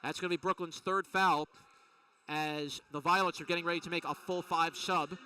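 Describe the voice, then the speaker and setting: A man calling a college women's basketball game play by play, with rapid, excited calls of each play. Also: fairly high pitch, clear, resonant tone. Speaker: play-by-play announcer. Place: college gym. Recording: distant mic with faint gym noise.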